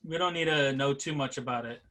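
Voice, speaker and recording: A man co-hosting a casual show review, talking in an animated way full of "like"s. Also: medium pitch, fairly quick. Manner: animated, filler-heavy with many "like"s. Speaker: podcast co-host.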